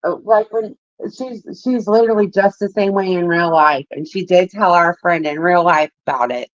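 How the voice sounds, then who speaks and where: A woman's voice: fairly low pitch, normal speed, dry recording. A woman co-hosting a livestream, rambling through casual gossip commentary, laughing often and swearing freely. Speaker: livestream co-host. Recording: dull dry lo-fi stream audio.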